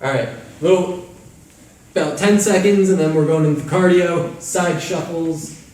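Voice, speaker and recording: A man's voice: on the high side, measured pace, darkish tone, slight background noise. A man hosting a live workout, calling out timings and asking trivia questions in casual chat. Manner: calls out exercise timing between trivia questions. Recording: echoey room, mic at a distance.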